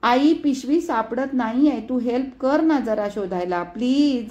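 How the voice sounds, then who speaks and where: A woman's voice: fairly high pitch, darkish tone, lo-fi sound, pitched above the performer's own voice, close to an everyday voice. A woman voicing a young schoolboy son who calls out in a hurry and pleads for help. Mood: hurried pleading. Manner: hurried, pleading.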